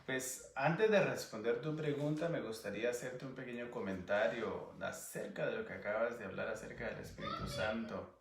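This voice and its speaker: A man from Guatemala with a Guatemalan Spanish accent, giving an earnest personal testimony as an interview guest, sometimes pausing to search for words. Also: mid-range voice, echoey room, far from the mic, a little hiss or hum. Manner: earnest, searching for words, animated when recounting.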